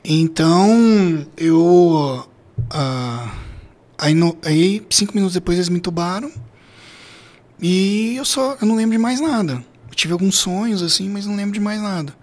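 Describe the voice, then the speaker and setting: A middle-aged Brazilian man with a hoarse, gravelly voice, telling a personal story as an interview guest in a halting, emphatically repetitive way. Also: high-pitched, a little mellow. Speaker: podcast guest.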